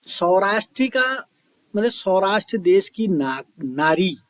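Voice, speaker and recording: A man's voice: sits high, very animated, a bit bright, dry recording. A man teaching a Sanskrit verse in a lesson video, calling his listeners children and asking and answering his own questions. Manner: chants verses slowly. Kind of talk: classroom explanation video.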